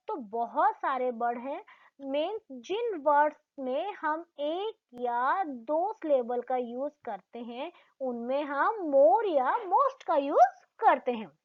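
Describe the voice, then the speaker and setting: A woman teacher patiently explaining an English grammar lesson step by step, asking the class questions and slowing down on example words. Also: sits high. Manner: slows down to spell out example words. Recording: slightly dull lo-fi sound.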